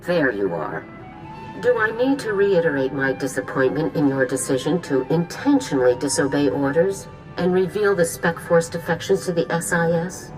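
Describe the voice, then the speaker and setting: A woman playing a stern, commanding military general in a video game, with a brisk, authoritative manner. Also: low voice, expressive, poor audio. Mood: stern, dry. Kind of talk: video game cutscene acting. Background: music.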